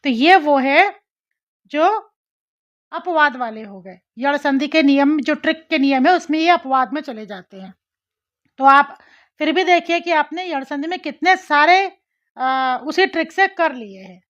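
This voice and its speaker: A high, bright female voice teaching a grammar lesson at an unhurried pace. She explains step by step, sounds out syllables again and again and asks rhetorical questions. The audio is slightly dull and lo-fi. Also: expressive.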